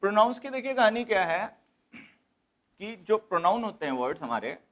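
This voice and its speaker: ऊँची आवाज़ वाला व्याकरण शिक्षक. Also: male voice, high voice, big pitch swings, moderate pace, a bit bright. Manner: explains step by step, repeats key points, mixes English terms into Hindi. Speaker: English grammar teacher. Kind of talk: classroom lecture.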